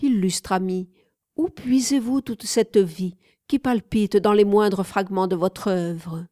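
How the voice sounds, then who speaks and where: A woman voicing a flattering, pompous male official in an audiobook reading. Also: medium pitch, slow, dry recording, studio quality, close to an everyday voice. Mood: admiring. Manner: flattering exclamations.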